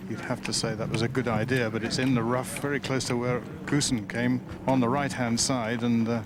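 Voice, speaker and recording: A man's voice: mid-range voice, level tone, fairly quick. A man reporting live from the golf course as a commentator, in a considered, matter-of-fact way. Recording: noisy outdoor broadcast.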